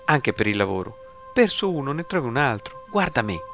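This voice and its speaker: A man's voice: medium pitch, very animated, fairly quick. A man reading a story aloud, voicing a brash, muscular male drinking buddy who works as a skipper and talks in a blunt, joking way. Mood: boastful. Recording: slightly muffled, music behind.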